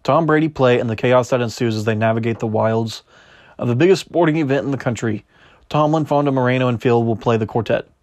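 A man's voice: mid-range voice, fast, darkish tone, no echo. A young man hosting a solo sports podcast, rambling and correcting himself as he reads news and riffs. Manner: rambling, self-correcting, chatty. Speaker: podcast host.

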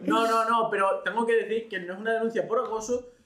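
A man with a high voice rattles along quickly, teasing the others and talking to his stream's chat. The room around him echoes. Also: fairly even intonation, bright, forceful tone. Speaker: podcast co-host. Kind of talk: casual banter with a streaming chat.

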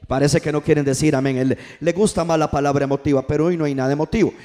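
A man's voice: a little high, steady tone, fast talker, warm tone. A male pastor preaching a sermon in church, calling the congregation to answer back. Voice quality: preaching with call-and-response to the congregation.

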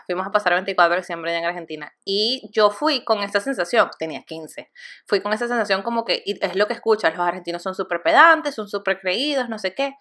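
A woman's voice: medium pitch, a bit bright. A Venezuelan woman in a casual podcast chat, telling personal anecdotes in a chatty way.

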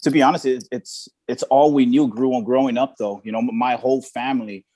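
A man's voice: mid-range voice, fairly even intonation, a little fast, mellow. A young man from Samoa, a former college baseball player, telling his story in an interview with many fillers and restarts. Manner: hesitant, many fillers and repeated words.

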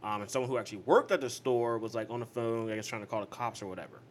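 A young man co-hosting a casual podcast swears freely and laughs his way through his stories. He speaks at a racing pace in a lowish voice, with slight background noise.

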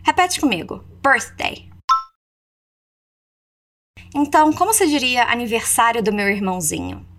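A woman teaches English in a lively, highly animated voice that sits somewhat high. She slows down to model each phrase for repetition, then explains it in Portuguese. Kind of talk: language lesson with repeat-after-me drills.

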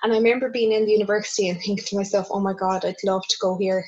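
A woman's voice: medium pitch, fairly even intonation, rapid-fire, a little mellow, lo-fi sound. Irish woman over a speaker-played video call. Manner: candid, reflective, hesitant. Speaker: guest researcher. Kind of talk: casual interview.

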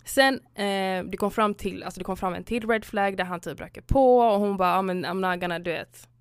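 Smooth-voiced young Swedish woman telling a story. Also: mid-range voice, dry recording. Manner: retells stories acting out both sides, mixing in English phrases. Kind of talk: casual chat.

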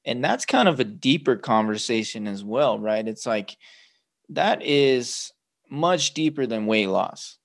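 A man's voice: medium pitch, lively intonation, a little slow, gravelly. Emphatic, casually swearing man. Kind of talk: casual conversation.

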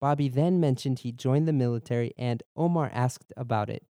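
A dark-voiced young man of medium pitch, born in Germany and raised in Boston, narrates a bilingual Japanese and English lesson as a podcast language teacher. His explanations are clear and measured, slowing for repeat drills, and the studio recording is clean and dry.

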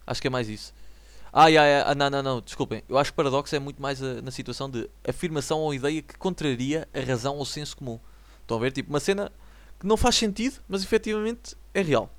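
A man's voice: medium pitch, fast, no echo. A young man in his twenties with a European Portuguese accent, chatting casually to his viewers from home in a rambling, slang-filled way and often checking that they follow. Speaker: vlogger. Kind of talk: casual solo chat to viewers.

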